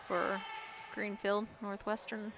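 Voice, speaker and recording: A woman giving casual play-by-play commentary on a volleyball game, getting louder on big plays. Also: mid-range voice, level tone, slow pace. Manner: chatty, casual, rises loudly on big plays. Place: school gym during a game. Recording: loud crowd and gym noise.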